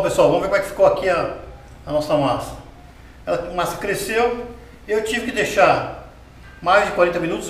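In a home kitchen with a tiled wall, a chatty Brazilian cooking show host with a high voice and a Brazilian Portuguese accent gives a casual baking demonstration. He explains step by step and asks the viewer questions. Recorded from a distance indoors, the sound is roomy, with slight background noise.

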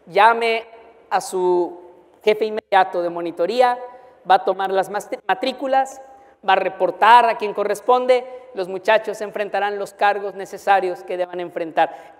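Man, pastor, humorous storyteller, acts out dialogue, long hall reverb. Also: sits high. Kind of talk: storytelling sermon.

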